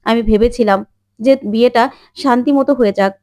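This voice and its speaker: A woman voicing an older father gently explaining himself to his daughter. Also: on the high side, fairly quick, dry recording, clean studio sound, lightly acted. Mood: apologetic.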